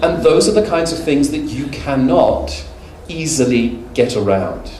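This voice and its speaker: A middle-aged man giving a conference talk in a relaxed, anecdotal way, with light humor and plenty of ums. His voice sits mid-range and carries around a reverberant hall. He sounds a bit distant from the mic, with faint noise behind him. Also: mid-range voice, a little slow. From United Kingdom. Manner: conversational and humorous, with anecdotes and fillers. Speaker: conference speaker. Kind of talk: conference lecture.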